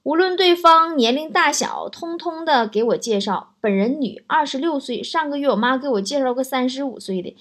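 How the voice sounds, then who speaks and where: High-voiced playful woman host. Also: expressive, moderate pace, few pauses, a bit bright. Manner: playful, teasing. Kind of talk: reading out listener messages with comic remarks.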